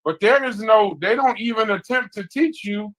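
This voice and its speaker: Man, slightly higher voice, insistent, argumentative, casual debate. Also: normal speed, a bit bright, rough recording. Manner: insistent and argumentative, pressing his point. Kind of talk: casual panel discussion.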